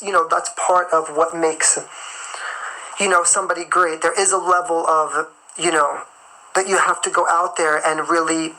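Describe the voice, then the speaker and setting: Chewing gum as he goes, a male singer and performer delivers a motivational talk on his live stream, leaning on his points and circling back to key phrases. The voice is fairly high, bright and forceful, heard through a rough recording.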